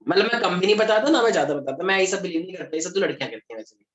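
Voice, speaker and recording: A man's voice: high voice, expressive, rapid-fire, a bit bright. Joking young male teacher, echoey classroom. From Delhi, India. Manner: joking, chatty, mixes English terms. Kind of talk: classroom lecture.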